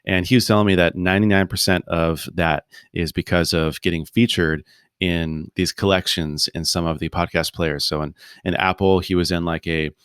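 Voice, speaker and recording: Low-voiced man, loose and rambling. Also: clean tone, no echo, studio quality. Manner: relaxed, rambling, many fillers and restarts. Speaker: podcast guest, founder. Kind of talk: casual interview conversation. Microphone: video call.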